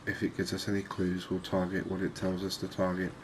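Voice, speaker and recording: A low, even-toned man hosts a gaming video, giving relaxed ASMR commentary in an unhurried, musing manner peppered with tag questions. Clearly noisy background ambience accompanies his speech.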